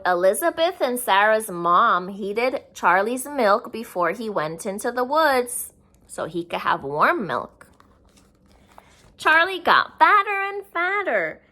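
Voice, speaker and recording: Here a woman with a sharp tone and a voice in the middle range reads to young kids from a picture book. She's expressive and stops now and then to explain things simply.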